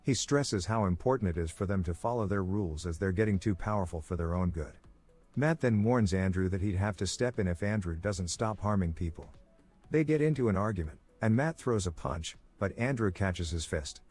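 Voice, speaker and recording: A man giving a scripted narration, with a steady, even storytelling delivery. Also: sits low, fairly quick, faint music behind. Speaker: movie recap narrator.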